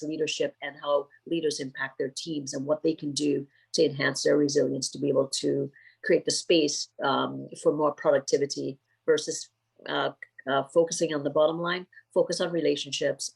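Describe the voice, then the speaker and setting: Middle-aged woman, from Trinidad and Tobago, gravelly husky voice, thoughtful, hesitant. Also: low-pitched, level tone, normal speed, a little mellow, low-quality recording. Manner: thoughtful, many fillers and restarts. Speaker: psychotherapist and keynote speaker. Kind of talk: podcast interview.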